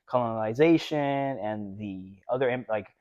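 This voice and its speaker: A man's voice: mid-range voice, measured pace, darkish tone, dry recording, lo-fi sound. Rambling man from Mexico, dry sound. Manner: rambling, leans on "you know" and tag questions. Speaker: podcast co-host. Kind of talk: casual chat.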